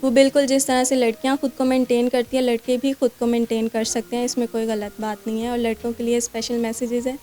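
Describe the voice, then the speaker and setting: A woman's voice: a little high, level tone, fast, hardly any pauses, dark tone, faint music behind. A woman with a Pakistani Urdu accent, a clinic doctor answering interview questions, explaining at length with fillers and English medical terms. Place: skin clinic.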